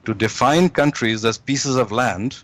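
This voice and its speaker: Measured lecturing man, dry sound. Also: mid-range voice, a bit bright, no room sound. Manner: measured, deliberate, with frequent hesitations. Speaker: interview guest. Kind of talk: lecturing commentary.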